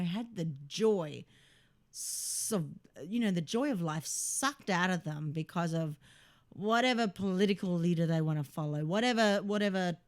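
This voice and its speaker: A woman with an American regional accent co-hosting live radio in casual chat, laughing often and talking expressively. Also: on the low side. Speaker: radio show co-host.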